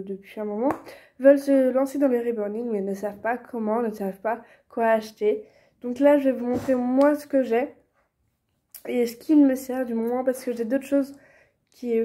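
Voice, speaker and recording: A young woman, chatting casually through a how-to tutorial, filling pauses with many hesitations and restarts. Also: a little high, mellow. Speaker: vlogger teaching reborn doll painting.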